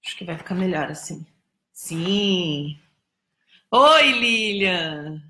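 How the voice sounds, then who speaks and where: A woman's voice: fairly low pitch, animated, slow, sharp tone, roomy sound. A Brazilian woman hosting a casual live stream, chatty and teasing as she greets viewers by name. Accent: Brazilian Portuguese. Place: indoors, home in São Paulo.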